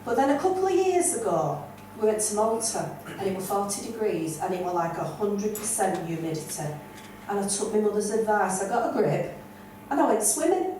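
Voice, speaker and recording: A woman's voice: mid-range voice, sing-song, a little fast, dark tone. An older woman from the North West of England with a Lancashire accent, performing a blunt, self-mocking stand-up set. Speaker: stand-up comedian. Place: comedy club stage. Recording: roomy and distant with audience noise.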